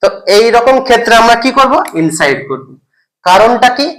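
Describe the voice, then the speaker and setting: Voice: medium pitch, sing-song, a bit bright, poor audio. A teacher explaining a grammar point in a recorded lesson, asking questions and checking in with the listener. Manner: reads example English sentences slowly, word by word. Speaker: English teacher.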